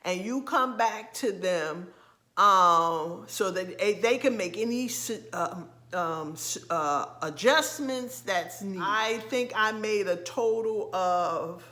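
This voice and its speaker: A middle-aged woman from the United States with a slight lisp, talking casually to camera as a vlogger, halting with frequent ums and restarts. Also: mid-range voice, sharp tone. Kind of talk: casual vlog talk to camera.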